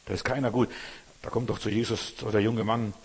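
A man's voice: fairly low pitch, steady tone, a little fast. A man preaching a sermon in German, earnest and exhorting, speaking directly to his listeners. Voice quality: husky. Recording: reverberant hall.

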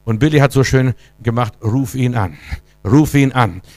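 A man preaching a charismatic sermon with fervour, rising to loud calls and dropping to quiet questions. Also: medium pitch, moderate pace, no room sound. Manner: fervent, swinging between loud exclamations and quiet questions. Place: church hall.

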